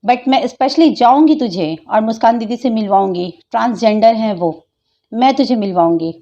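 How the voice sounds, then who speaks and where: A woman's voice: fairly high pitch, normal speed, mellow, muffled recording. A woman, taunting and scolding a critic in a home vlog reply.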